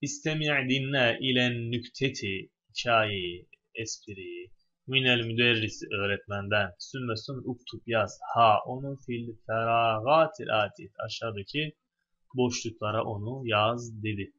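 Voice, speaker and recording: Bright-voiced male teacher, word-by-word translation. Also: medium pitch, measured pace, highs cut off. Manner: reads a phrase in Arabic, then translates it word by word; explanatory, addresses students directly. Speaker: religious high school Arabic teacher. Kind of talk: classroom lesson, reading and translating a text.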